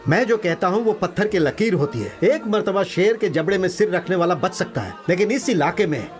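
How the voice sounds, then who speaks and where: A man's voice: high voice, expressive, brisk, faint music behind. A man playing a boastful, bossy gang boss. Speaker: powerful local boss. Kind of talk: dubbed film dialogue.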